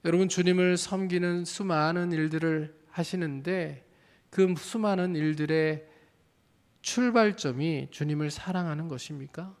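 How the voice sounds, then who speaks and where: A man's voice: a little high, moderate pace, darkish tone. Earnest pastor preaching to his congregation. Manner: earnest, addresses the congregation with questions. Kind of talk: sermon. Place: church.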